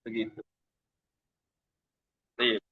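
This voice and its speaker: A man teaching Quran recitation, slowly demonstrating each sound with drawn-out chanting. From Indonesia. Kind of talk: tajwid lesson with demonstrations. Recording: dull lo-fi recording.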